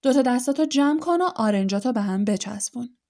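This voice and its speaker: A woman's voice: fairly high pitch, expressive, a little mellow. A woman reading aloud, voicing a friendly, helpful young wizard boy giving advice.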